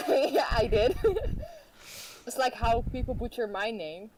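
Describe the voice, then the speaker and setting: A young woman chats through a game stream in a giggly, storytelling way, her audible throughout. Her voice sits a little high. The stream mic carries a noticeable hiss and clicks behind her. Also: big pitch swings, takes it slowly, a little mellow, poor audio. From Netherlands. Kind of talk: casual chat while gaming.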